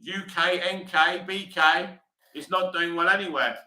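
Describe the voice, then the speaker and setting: A man's voice: high-pitched, fairly even intonation, a little slow, sharp tone. Blunt opinionated man, echoey room. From England. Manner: blunt, opinionated, reads viewer comments aloud. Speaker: livestream host reading chat. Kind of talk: casual livestream chat.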